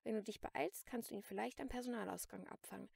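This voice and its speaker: A woman's voice: a little high, fast talker, vocal fry, a little mellow, husky, dry recording, clean studio sound, recorded from a distance, heavily acted. A woman reading a polite hospital nurse. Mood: helpful. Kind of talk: audiobook reading.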